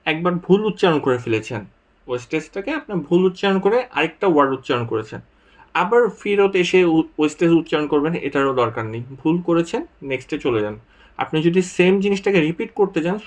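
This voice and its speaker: Patient Bangladeshi man explaining step by step. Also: fairly high pitch. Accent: Bangladeshi Bengali. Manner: patient, repetitive, walks through examples step by step. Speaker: exam prep tutor. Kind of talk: screen-share tutorial explanation.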